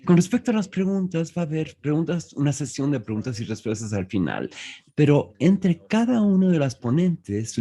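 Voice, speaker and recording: A man interpreting live at an online press conference. He speaks haltingly, with frequent restarts and fillers. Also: mid-range voice, warm tone. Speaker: simultaneous interpreter.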